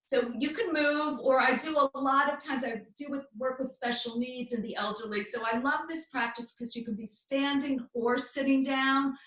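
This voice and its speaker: A woman's voice: high voice, normal speed, few pauses. A woman teaching laughter yoga as an interview guest, explaining with energy and demonstrating as she goes. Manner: energetic, instructive, with bursts of laughter. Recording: echoey room.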